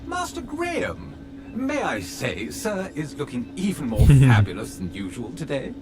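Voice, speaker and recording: A man's voice: a little high, huge pitch swings, a little slow. A man voicing a polite, fawning male butler robot who is formal and obsequious and calls his master sir, in video game dialogue. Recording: game audio with background music.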